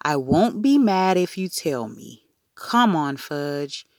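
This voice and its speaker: A woman voicing an anxious boy of about nine who shouts and pleads urgently. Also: deep voice, big pitch swings, slow pace, dry recording, studio quality, heavily acted. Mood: pleading. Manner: urgent, rising to yells.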